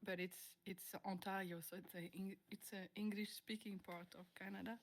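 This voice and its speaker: A woman's voice: mid-range voice, flat delivery, moderate pace. A woman from France, a native French speaker, chatting casually in an interview about her music and laughing often as she searches for English words.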